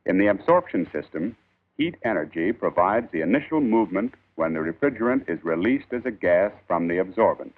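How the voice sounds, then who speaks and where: A man reading a scripted 1940s instructional film in a formal, measured, emphatic old newsreel narrator style. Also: sits low, expressive. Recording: tinny band-limited 1940s film soundtrack.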